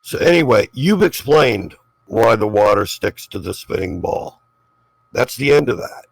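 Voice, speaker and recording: A man's voice: lowish voice, sing-song, a little slow, vocal fry, dry recording, low-quality recording. A man debating informally in an exasperated, condescending, sweary way.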